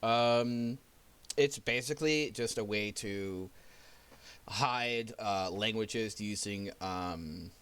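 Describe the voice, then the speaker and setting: Deep-voiced man running a tabletop game. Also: takes it slowly, fairly bright tone, clean tone. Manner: explains rules with many fillers. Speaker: dungeon master. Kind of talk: casual tabletop game chat.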